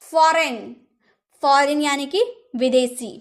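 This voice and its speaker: A woman with a high voice teaches an English lesson. She speaks slowly and patiently, often asking a rhetorical question before answering it herself. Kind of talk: classroom lesson.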